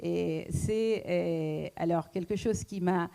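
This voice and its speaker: A woman with a foreign accent giving a reflective public talk, pausing often with fillers and restarts. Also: lowish voice, creaky, dark tone. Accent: foreign accent in French. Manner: hesitant, many fillers and restarts. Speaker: speaker at a talk, economist.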